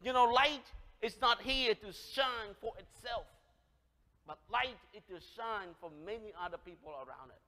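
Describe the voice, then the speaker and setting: A man in his thirties with a Cambodian accent, preaching a lively sermon with big swings from loud calls to soft words. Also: high voice, normal speed. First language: Khmer. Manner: animated, gesturing, swings from loud exclamation to soft. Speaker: pastor. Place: church sanctuary, large, indoors. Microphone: headset. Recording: long hall reverb.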